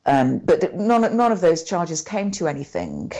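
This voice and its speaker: A woman talking as a guest in an interview, recounting events in a halting way and often restarting her sentences. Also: fairly low pitch, wildly swooping pitch, dark tone. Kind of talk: conversational interview.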